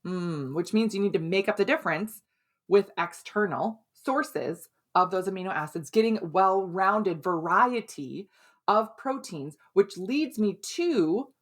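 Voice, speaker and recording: A middle-aged woman from Minnesota giving casual health advice, chatty and quick with asides, often tagging on "right?". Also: mid-range voice, animated. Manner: chatty, keeps asking "right?". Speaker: health and hormone coach. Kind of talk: casual advice talk to camera.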